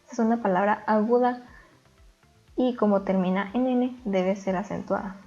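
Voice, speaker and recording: A woman teacher explaining a lesson calmly and step by step in a voice-over. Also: medium pitch, moderate pace, lo-fi sound, faint music behind. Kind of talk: recorded grammar lesson.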